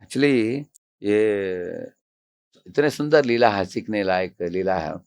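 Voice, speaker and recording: Male monk preacher, low gravelly voice, lively storytelling lecture, acts out the dialogue. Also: takes it slowly. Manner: animated, acts out quoted dialogue; asks the audience questions. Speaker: monk and temple president.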